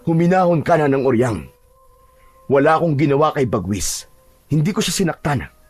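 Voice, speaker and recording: A man voicing a calm, steadfast village chieftain in a narrated horror audio drama, speaking in a measured, reassuring way. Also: fairly high pitch, breathy edge, no echo, faint music behind.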